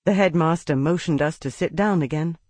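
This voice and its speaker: A woman audiobook narrator reading a classic novel in a measured, expressive storytelling manner on a close studio mic. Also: low-pitched, no echo. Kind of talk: scripted literary narration.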